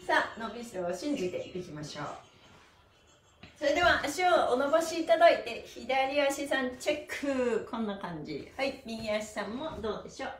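Here the same livestreamed stretching lesson continues: a middle-aged instructor and pantomime performer chants counts, chats between moves, and encourages with cheerful exclamations. Her voice is high-pitched and expressive at normal speed, echoing around the small bare indoor room as a camera mic several steps off records it.

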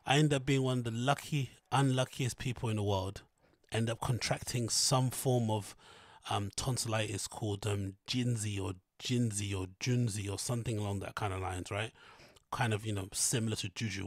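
A man's voice: fairly low pitch, no echo, clean studio sound. A British man chatting casually as a solo host, talking with his mouth barely open and muddy, marble-mouthed from tonsillitis. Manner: muffled, mouth barely opened, closed-mouth talking. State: recovering from tonsillitis. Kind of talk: casual rambling chat. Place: small plain room indoors. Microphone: large close studio mic with foam cover.

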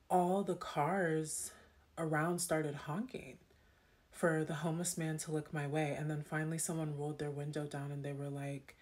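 A young woman telling a personal story in a casual, animated way, with many fillers. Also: sits low.

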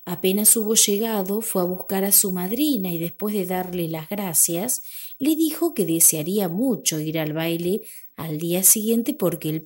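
A woman narrating a classic fairy tale in a measured, expressive storybook reading. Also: fairly low pitch.

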